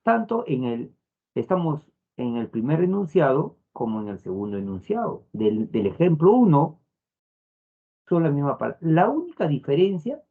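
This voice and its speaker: A man's voice: fairly high pitch, sing-song, normal speed, creaky. Man teaching over a tinny line. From Peru. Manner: repeats phrases, frequent "estamos" and "a ver" fillers. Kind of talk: online class lecture. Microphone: phone. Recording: tinny phone-like lo-fi audio.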